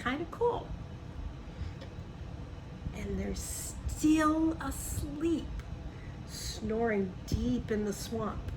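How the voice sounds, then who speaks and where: A woman with a voice on the high side reads a picture book to young children extremely slowly and expressively, leaving long pauses. She throws in chatty asides, simple explanations and questions for the listener, against a clearly noisy background.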